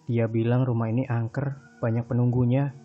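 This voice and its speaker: Secretive impatient young man, read by a man, flat delivery, dull lo-fi sound. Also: medium pitch, normal speed, slightly rough, faint music behind, close to an everyday voice. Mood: hushed. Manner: whispering, impatient. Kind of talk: storytelling character voice.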